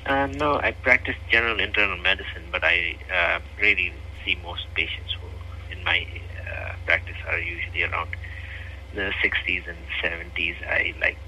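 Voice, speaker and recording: A man's voice: deep voice, normal speed, sharp tone, slight background noise, low-quality recording. A man in his thirties from Nepal with a Nepali accent, a physician guest speaking earnestly in an interview, with many fillers.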